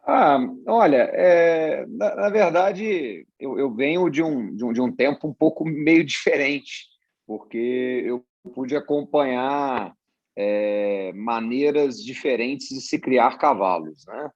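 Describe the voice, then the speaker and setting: A man with a Brazilian accent, a horse auction guest, answering slowly and repeating words as he thinks. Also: mid-range voice. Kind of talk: interview answer. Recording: dull, dry sound.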